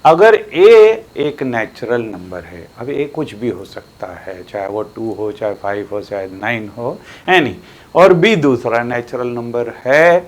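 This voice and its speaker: A man's voice: mid-range voice, lively intonation, slow. An older man with an Indian accent teaching a classroom maths lesson, explaining patiently with emphatic stresses.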